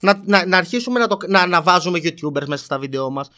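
A man's voice: high voice, expressive, sharp tone. A young man, a YouTuber, defending himself in a heated casual debate, emphatic and repeating his points.

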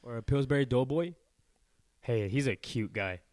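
A man's voice: mid-range voice, moderate pace, darkish tone, no room sound, studio quality. A young man co-hosting a podcast in casual chat, joking, trailing off and restarting, sick with a cough. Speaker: podcast co-host.

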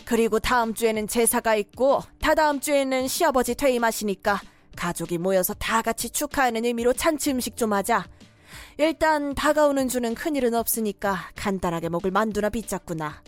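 A woman plays a domineering middle-aged mother-in-law in a cartoon story drama, scolding without letup in a high voice. Soft music plays under her lines. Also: lively intonation, fairly quick, lightly acted. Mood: nagging.

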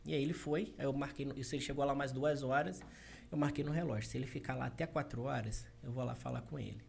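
A man's voice: mid-range voice, fairly even intonation, fast talker, creaky, a little mellow. A young adult man, a business consultant co-hosting a podcast, telling a personal story in casual conversation, acting out quoted dialogue and laughing often.

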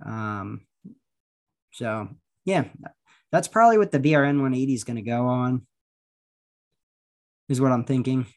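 A man with a middle-pitched voice co-hosts a casual podcast. He is easygoing and often stumbles, repeating his words as he goes. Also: measured pace, long pauses, a little mellow. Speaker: podcast co-host.

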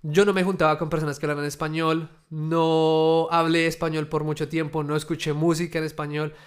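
A man who runs his own businesses talks straight to his viewers in a casual video. He keeps asking them questions and strings his thoughts together with loose, chatty fillers. His voice sits a touch high for a man. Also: level tone, brisk. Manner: addresses viewers directly with rhetorical questions; conversational, loose, with many fillers. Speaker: entrepreneur sharing his experience. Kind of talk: casual talk to camera.

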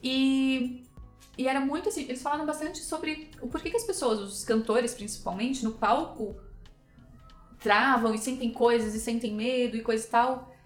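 A Brazilian woman co-hosts a podcast and tells her story in a lively, chatty way, full of little fillers. Her voice sits a bit high. The room is echoey, and there is faint music underneath. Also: moderate pace. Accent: Brazilian Portuguese. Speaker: podcast co-host. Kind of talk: podcast conversation. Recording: roomy echo, faint music behind.

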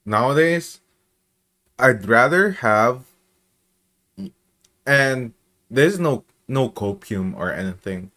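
A man hosts a casual streamer podcast, and his voice rises and falls a lot as he talks. He speaks slowly and loosely, with "you know" and "like" scattered through his sentences. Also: medium pitch. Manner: slow and lively, lots of "you know" and "like". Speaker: podcast host.

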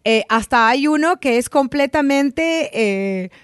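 A woman's voice: high voice, expressive, slow pace, no echo, studio quality. A woman hosting a casual interview, chatty and affirming, laughing along with her guest. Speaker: host.

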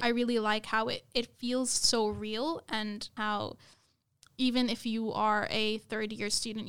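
Her voice is smooth, clear, and fairly high; she's a young adult being interviewed. Talking in an earnest, effusive, conversational way, she doubles up words to stress them.

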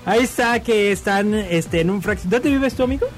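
A man's voice: high-pitched, normal speed, soft background music. A man hosting a morning radio show, jokey and laughing often. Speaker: radio host.

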